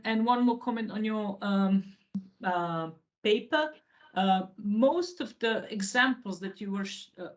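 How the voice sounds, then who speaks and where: A woman with a Croatian accent speaking off the cuff as a webinar participant, hesitant and repeating words as she frames a comment. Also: lowish voice. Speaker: webinar participant asking a question. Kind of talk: spontaneous question and comment.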